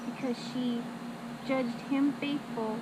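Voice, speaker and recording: A woman reciting Bible verses by rote from memory, in short measured phrases with pauses, on a recording with loud background noise. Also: high-pitched, fairly even intonation. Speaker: scripture reciter.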